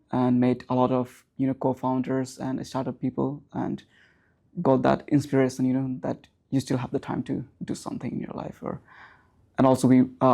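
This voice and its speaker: A man's voice: mid-range voice, creaky, a little mellow. A young man from Nepal, a student giving hesitant interview answers full of ums and you knows. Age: young adult.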